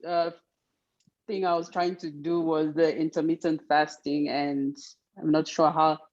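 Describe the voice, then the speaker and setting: Low-voiced woman in her forties on a call. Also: little pitch movement, a little slow, darkish tone. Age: 40s. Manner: hesitant, searching for words. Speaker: webinar participant. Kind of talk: casual self-introduction. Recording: dull lo-fi call audio.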